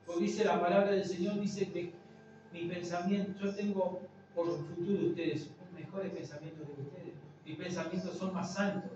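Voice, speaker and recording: An older man preaches to his congregation in a relaxed, chatty sermon, checking in with them again and again. His voice sits a little high and sounds distant, in a very reverberant meeting room. The recording is dull and noisy. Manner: conversational preaching, frequent tag questions to the congregation. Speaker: pastor.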